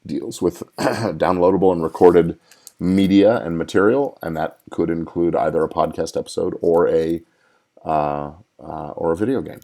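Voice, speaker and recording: This podcast host and entertainment lawyer is a middle-aged man with a low, gravelly, warm voice, fairly even intonation and a moderate pace. Offering casual legal advice live, he thinks out loud in a conversational way, often starting over mid-thought.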